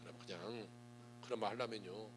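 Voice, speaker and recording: A man preaching a Sunday sermon as pastor, lively and theatrical, acting out what gossiping churchgoers say. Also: fairly low pitch, fairly quick, background noise. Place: church sanctuary.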